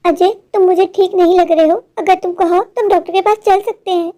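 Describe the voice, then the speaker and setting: A woman's voice: extremely high pitch, fairly even intonation, brisk, dark tone. A woman voicing a scheming, selfish young wife who speaks with cold scorn. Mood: concerned. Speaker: voice actor.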